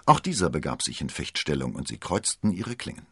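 A man narrating an adventure audiobook in an expressive storytelling manner. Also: very deep voice, a little fast, slightly rough, dry recording.

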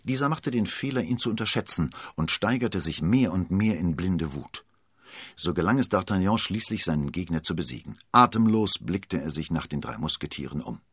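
Low husky male narrator, very animated reads, dry studio sound. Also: moderate pace, no room sound. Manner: expressive storytelling. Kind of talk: audiobook narration.

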